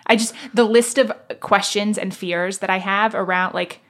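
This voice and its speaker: Bubbly and self-deprecating, this Manhattan woman with an American accent keeps peppering her casual conversational chat with "like." She speaks at a moderate pace in a mid-range voice with fairly even intonation.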